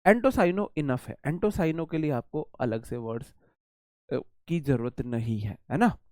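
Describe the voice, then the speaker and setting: A man's voice: medium pitch, lively intonation, slow, a little mellow, no echo. A man teaching English vocabulary in a live online class, chatty and repeating words while he explains memory tricks and answers the chat.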